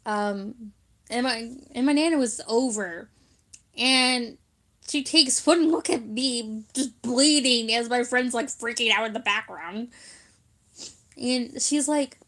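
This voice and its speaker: Speaking slowly in a fairly high, slightly bright voice, this young female vlogger tells her viewers about her childhood. It's a relaxed storytelling chat, peppered with filler words and frequent giggles.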